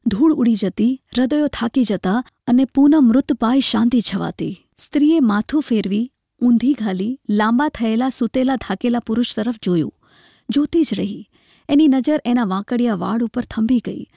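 A woman narrating a story in a steady, measured reading voice. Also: on the high side, creaky, no room sound, clean studio sound.

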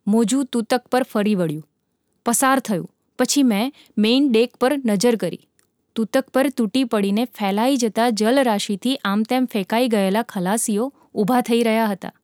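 A woman narrating a dramatic sea story with a vivid, measured reading. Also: fairly high pitch, a little mellow, no echo, studio quality.

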